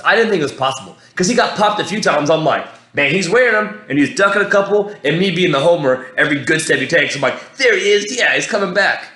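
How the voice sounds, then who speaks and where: Rambling excitable man in an echoey room. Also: a little high. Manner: rambling, excitable, swears casually, quick bursts and restarts. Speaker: podcast host. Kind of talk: casual fight recap monologue.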